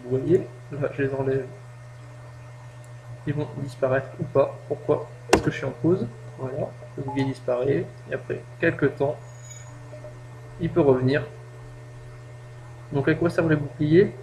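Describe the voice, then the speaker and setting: A man's voice: a little slow, pauses often, a little mellow. A man hosting a casual gameplay tutorial, explaining step by step and joking at his own expense. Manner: chatty, self-mocking, explains step by step. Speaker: gaming tutorial host. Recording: low-quality home mic with faint hum.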